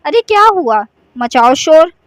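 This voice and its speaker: A woman's voice: high-pitched, big pitch swings, a little slow, dry recording. A woman voicing a vengeful young female teacher who has become a witch in a cartoon, in a threatening manner. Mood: taunting. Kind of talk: cartoon voice acting.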